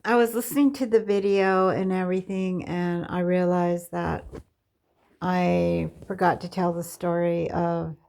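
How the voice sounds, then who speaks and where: A middle-aged woman telling her personal life story in a candid, confessional way, halting often with fillers and restarts. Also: fairly low pitch, flat delivery, creaky, darkish tone. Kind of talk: personal testimony, casual storytelling.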